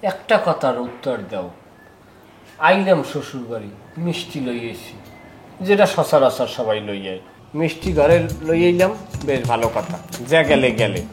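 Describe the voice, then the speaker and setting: A man's voice: mid-range voice, expressive, unhurried, faint music behind, lightly acted. A man playing a grumbling new son-in-law. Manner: complaining, sarcastic, rising to loud outbursts. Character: grumbling young male son-in-law, aggrieved. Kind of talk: village comedy drama acting.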